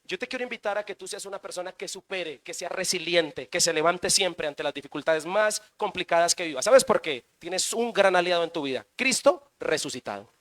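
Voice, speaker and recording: A man preaching a sermon in church, firing rhetorical questions and swinging between loud bursts and quiet stretches. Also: high-pitched, lively intonation, fairly quick, few pauses. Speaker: pastor.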